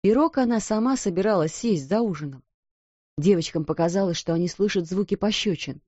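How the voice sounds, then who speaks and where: Female storybook reader, measured and calm; dry close mic, dull audio. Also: medium pitch, no echo. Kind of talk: scripted storybook narration.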